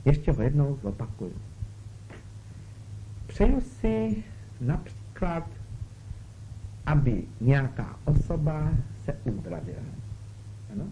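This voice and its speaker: A man's voice: on the high side, sing-song, pauses often. A man preaching a spiritual talk, who keeps checking in with his listeners through short questions. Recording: dull lo-fi recording with faint hiss.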